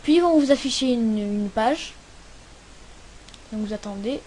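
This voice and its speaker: A young woman hosting a casual computer tutorial, talking hesitantly with many pauses and restarts. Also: a little high, animated, mellow, slight background noise. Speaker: tutorial host. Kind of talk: casual screen-recording tutorial.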